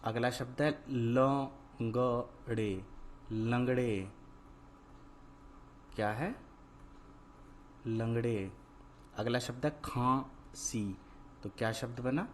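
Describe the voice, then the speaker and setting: A man's voice: medium pitch, slow pace, long pauses, darkish tone, a little hiss or hum. A man teaching a Hindi worksheet lesson, asking patient repeated questions and answering each word himself. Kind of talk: worksheet lesson, call and response.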